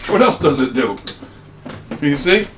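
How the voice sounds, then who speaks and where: A man's voice: on the high side, very animated, moderate pace. Older man, noisy casual home demo. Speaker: product demonstrator. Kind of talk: casual, rambling toy demo. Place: home kitchen. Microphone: camera a few feet away.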